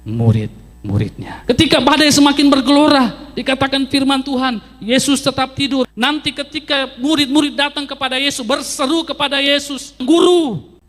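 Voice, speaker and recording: A man's voice: very high-pitched, expressive, moderate pace, fairly bright tone, long reverb tail. A man pastor preaching a sermon emphatically, with sweeping rises and drops and repeated phrases for emphasis.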